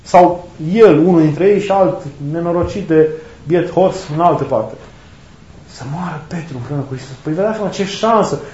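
A man's voice: on the high side, warm tone. A man preaching a sermon with passion, firing off rhetorical questions and acting out the words of others. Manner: impassioned, rhetorical questions, acts out quoted speech. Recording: echoey, dull lo-fi room recording.

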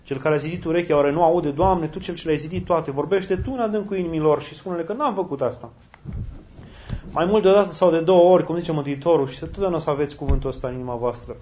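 A man preaching a sermon as a priest, speaking animatedly and leaping up in pitch when he voices other people. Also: warm tone. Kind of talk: sermon answering questions. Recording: dull lo-fi with faint noise and clicks.

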